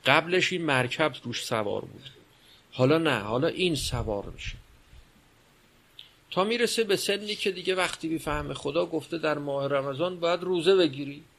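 A man's voice: a little high, expressive, creaky, a bit bright. A man giving a religious lecture, explaining and posing rhetorical questions. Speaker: religious speaker.

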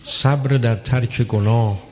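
A man preaching a religious sermon, measured and emphatic, with long pauses between phrases. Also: mid-range voice, steady tone, a little mellow. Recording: long hall reverb.

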